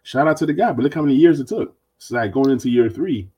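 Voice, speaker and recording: A man's voice: mid-range voice, animated, fast talker, mellow, husky, dull audio. A man hosting a sports podcast, chatting casually and animatedly, with mocking voices when he quotes others. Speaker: podcast host.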